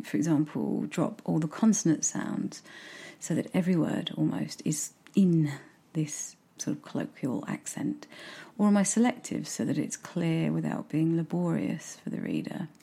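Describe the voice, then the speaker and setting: A woman with a regional British accent who drops her consonants talks reflectively about her writing, often sinking into a near-whisper. Her voice is low, dark and husky, with a mellow, unhurried warmth. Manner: soft-spoken, often drops to a whisper, musing. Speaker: writer vlogging about her novel draft. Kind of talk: casual reflective talk to camera.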